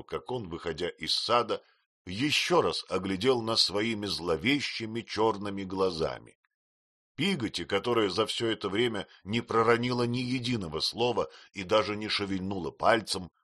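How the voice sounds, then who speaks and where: A man narrating a literary audiobook in an expressive storytelling manner. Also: lowish voice, dry recording, clean studio sound.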